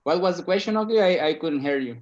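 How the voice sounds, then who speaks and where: A man calling in over a bad internet connection, speaking casually in a halting way and often repeating words. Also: fairly high pitch, expressive. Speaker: call-in guest. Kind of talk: casual chat. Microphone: online call. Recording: lo-fi call-in audio over a weak connection.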